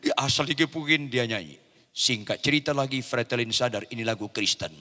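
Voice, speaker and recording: A male pastor preaching a sermon, telling a story with dramatic swings from hushed tones to shouting and acting out the voices of its people. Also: mid-range voice, brisk, big-room sound.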